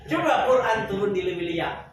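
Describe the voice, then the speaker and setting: A man from Java teaching a Quran recitation class, joking with students and chanting verses slowly for them to repeat. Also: high-pitched, expressive, a loud crowd. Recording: echoey room from far off, background noise.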